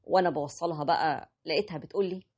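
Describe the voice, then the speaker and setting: A devoted young husband tells his family story, voiced by a woman reader in quick, plain storybook narration. The voice is husky and hurried, never slowing down. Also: low-pitched, a little mellow. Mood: earnest. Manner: plain conversational retelling.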